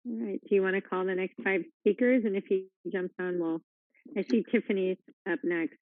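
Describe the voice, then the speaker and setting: A woman chairing a board meeting, briskly and politely calling the next speakers, heard over a tinny phone-like line. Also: mid-range voice, dry recording. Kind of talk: procedural announcements.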